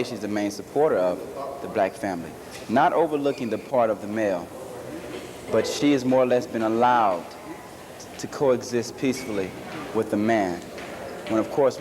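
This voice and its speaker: A man giving an earnest, declarative opinion in an interview. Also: lowish voice. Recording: noisy old video recording.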